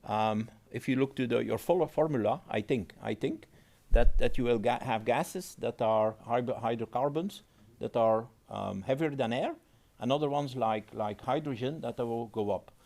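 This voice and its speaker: A man with an other than giving a technical presentation at a conference. He pauses, repeats words and phrases things in his own way. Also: medium pitch, vocal fry, a little mellow. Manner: halting, repeats words, non-native phrasing. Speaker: conference speaker.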